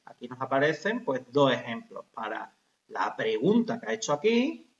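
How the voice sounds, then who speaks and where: In this roomy, somewhat muffled recording of an adult grammar class, a male English teacher explains things step by step in a high voice that swings up and down. He slows down to model example sentences and constantly confirms the class is following with checks such as "¿vale?", keeping a lively manner.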